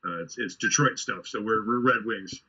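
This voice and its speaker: Husky Midwestern man, bright lo-fi sound. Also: on the low side, normal speed. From Ohio, US. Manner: storytelling with many fillers and restarts, laughing. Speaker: podcast co-host. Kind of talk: casual chat. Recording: dull lo-fi sound.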